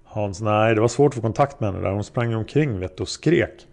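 A man's voice: lowish voice, creaky, a little mellow. Man reading as hesitant taxi driver witness. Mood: calm. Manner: hesitant, plain-spoken answers.

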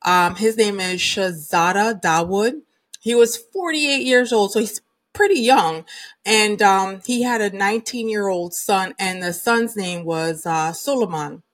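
A woman's voice: medium pitch, unhurried, a bit bright. A woman hosting her own podcast, talking casually and chattily with many fillers. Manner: chatty, uses many fillers like um and you know. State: recovering from a cold and sinus infection. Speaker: podcast host. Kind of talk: casual solo podcast talk.

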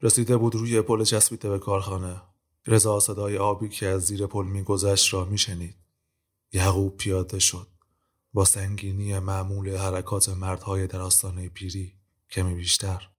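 A male narrator reads a scripted audio drama. His voice sits low and holds a narrow, even line. He tells the story at a steady, measured pace.

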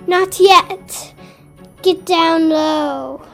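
A woman doing a high playful pirate bunny. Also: drawn-out words, soft background music, full character voice. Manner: gruff pirate talk, playful and loud. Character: young boy rabbit playing a bold pirate captain.

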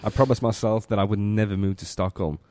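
A man's voice: fairly low pitch, fairly even intonation, quick pace, dark tone, dry recording. A man hosting a podcast, welcoming a guest in an upbeat, casual way and laughing often. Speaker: podcast host. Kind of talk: casual interview chat.

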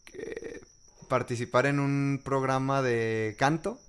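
A man's voice: medium pitch, steady tone, slow, smooth. A young man with a Mexican accent in casual conversation, telling personal anecdotes in a candid way.

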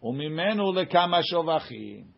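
A man's voice: on the high side, sing-song, brisk, gravelly. A man teaching an informal Talmud class, reading and explaining the text emphatically in question-and-answer phrasing. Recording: muffled lo-fi recording.

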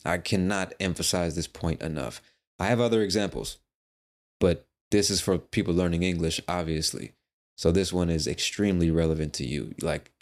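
A man hosting a casual solo podcast, talking in a rambling, playful way with the odd swear word. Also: sits low. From United States. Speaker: podcast host.

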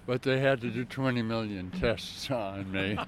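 A man's voice: lowish voice, normal speed. A man who is a peace walker, chatting casually in an interview outdoors by a road. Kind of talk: casual chat. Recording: clear outdoor traffic noise.

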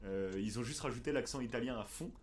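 A man co-hosting a casual podcast chat, animated and quick to laugh, recorded in a mountain refuge. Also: mid-range voice, a crowd in the background. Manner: animated, chatty, laughs easily. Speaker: podcast co-host.

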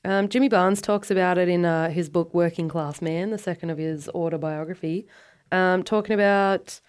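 A woman's voice: fairly low pitch, steady tone, moderate pace, darkish tone, clear, resonant tone. An Australian woman co-hosting a podcast, chatting casually about music with a giggly, teasing manner. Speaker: podcast co-host.

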